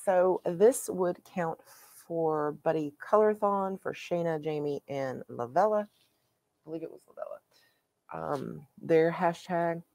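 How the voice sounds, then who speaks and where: A woman hosting her own coloring channel, chatting casually and haltingly with plenty of fillers as she shows her finished pages. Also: sits low, gravelly, a little mellow, dry recording. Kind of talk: casual show-and-tell.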